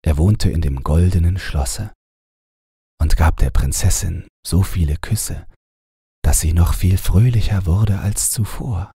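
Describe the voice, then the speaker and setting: A man narrating a bedtime fairy tale in a calm storytelling manner. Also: low-pitched, measured pace, slightly rough, dry recording, studio quality. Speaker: audiobook narrator.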